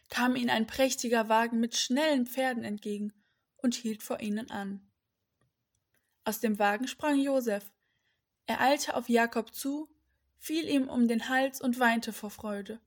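A woman reading a Bible story for children on behalf of a church parish, in a friendly, clear and lively way. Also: on the high side.

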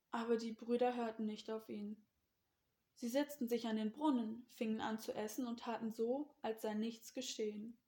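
Higher-voiced woman telling a children's story. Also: darkish tone. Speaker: children's church service leader.

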